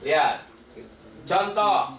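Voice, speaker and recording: A man teaching Arabic grammar to a class in a relaxed, questioning way, now and then slowly chanting verses. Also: high-pitched, highs cut off, crowd noise. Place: meeting room. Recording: echoey room, far from the mic.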